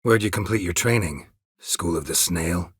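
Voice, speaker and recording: Playing a stoic, world-weary monster hunter for a video game, the actor uses a low, gravelly, husky male voice at a moderate pace. He sounds guarded and probing, terse and deadpan, with an exaggerated performance and no echo.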